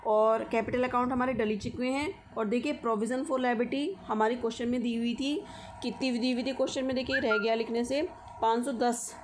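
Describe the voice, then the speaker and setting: High-voiced woman teaching accounts. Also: steady tone, normal speed, slight background noise. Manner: explains step by step with frequent check-ins. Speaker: commerce teacher. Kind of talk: accounting lesson walkthrough.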